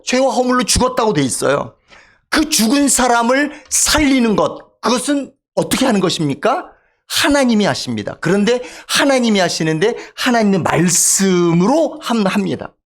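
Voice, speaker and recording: A male pastor delivering a sermon in a church, emphatic and calling out for amens from the congregation. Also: high-pitched. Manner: emphatic, calls for amen from congregation. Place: church sanctuary.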